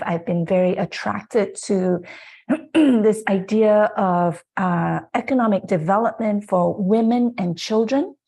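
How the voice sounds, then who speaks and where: A woman's voice: medium pitch, gravelly, warm tone. A woman in her forties from Malaysia giving an earnest, reflective presentation about her life and work, with frequent fillers. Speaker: guest speaker. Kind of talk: presentation talk.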